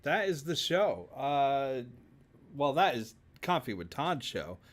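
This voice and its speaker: A man's voice: mid-range voice, big pitch swings, slow. A man hosting a casual live-streamed talk show, joking and laughing easily as he wraps up. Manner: joking, laughs often, loose with fillers.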